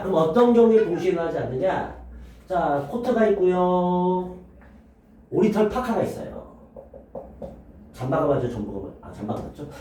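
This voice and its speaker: A man teaching math to students, lively and constantly quizzing them with questions. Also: high-pitched, a little hiss or hum. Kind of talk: classroom lecture. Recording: echoey room, voice from a distance.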